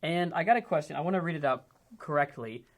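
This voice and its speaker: An upbeat man from Ohio hosts a relaxed indoor chat with friends. His voice sits a touch high, and he talks in a loose, chatty way, often restarting and tossing in fillers. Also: fast talker. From United States, Ohio. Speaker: host. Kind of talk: casual group chat.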